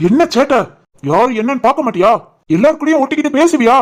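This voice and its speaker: A stern young father in a cartoon, voiced by a woman, talking fast in a somewhat high voice. He has a Kanyakumari-Tirunelveli Tamil accent and scolds harshly, fiercely protective. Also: lively intonation, music in the background. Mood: scolding.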